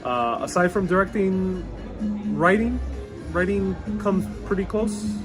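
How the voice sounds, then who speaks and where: A man's voice: high voice, expressive, a little slow. Chatty man with salsa music behind. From born in Puerto Rico, raised in New York. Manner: reads viewer comments aloud and riffs on them, chatty and self-assured. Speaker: travel vlogger answering live chat. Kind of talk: casual live-stream chat. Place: outdoors in a European old town. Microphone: wireless clip-on mic. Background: salsa music playing nearby.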